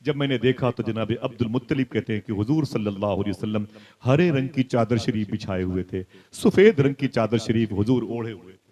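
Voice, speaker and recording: A man preaching a fiery religious sermon who tells a story dramatically, swinging from soft asides to loud, high exclaims and questioning his listeners directly. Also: brisk.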